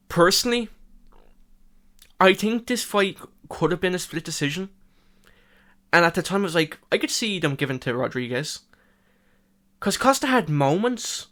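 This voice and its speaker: A young man with a slight lisp talks through his reactions in a loose, rambling way, swearing as he goes. His voice sits a little on the high side and keeps bouncing between hyped-up bursts and mumbled asides. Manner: animated, rambling, swears casually. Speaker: MMA reaction youtuber. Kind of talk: casual reaction commentary.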